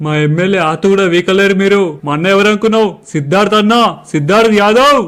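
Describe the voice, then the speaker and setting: A man's voice: sits high, fast, fairly bright tone, slight background noise. A man playing a brash, crude male campaign worker who threatens voters, in a Telangana Telugu accent. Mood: crude boastful.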